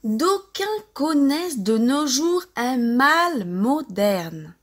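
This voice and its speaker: A woman from France with a French accent reads a novel aloud in a fairly high, expressive voice, audiobook-style for language learners. She goes extremely slowly, phrase by phrase, enunciating carefully and deliberately so listeners can practise pronunciation.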